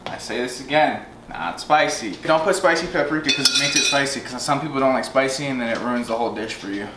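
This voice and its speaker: A man's voice: mid-range voice, fast talker, very noisy. A man walks viewers through a home recipe in loose, rambling talk, circling back to the same points. His voice rings in a roomy, echoing kitchen, with cutlery and pans clattering around him. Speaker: co-host of a family cooking channel. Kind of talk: casual cooking demo chat. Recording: echoey kitchen with clattering dishes.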